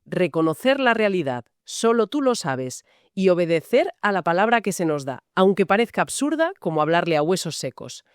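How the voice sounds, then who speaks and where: A woman's voice: on the low side, very animated, a little fast, few pauses, dry recording, studio quality. A woman from Spain co-hosting a Bible study podcast, asking and clarifying points. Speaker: podcast co-host.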